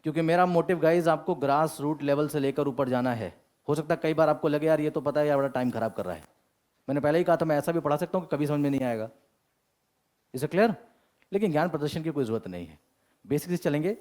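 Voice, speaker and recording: A man's voice: a little high, darkish tone. A male English teacher giving a classroom lecture, mixing Hindi and English and asking the class rhetorical questions.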